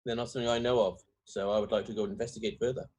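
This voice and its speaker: A man's voice: lowish voice, steady tone, rapid-fire, a little mellow. A man playing a tabletop game, casual and dry-humoured as he trades jokes. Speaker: player.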